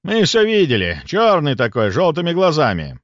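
A man reading an audiobook voices rowdy male monster hunters who shout excitedly. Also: a little high, normal speed, no room sound, pitched above the performer's own voice. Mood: gruff, stubborn. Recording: dull lo-fi dry audiobook recording.

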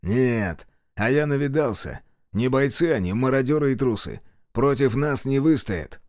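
A man's voice: mid-range voice, animated, moderate pace, darkish tone, no echo, studio quality, natural voice. A man voicing a blunt, stubborn male partisan commander in an audiobook. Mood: stern. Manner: blunt, gruff.

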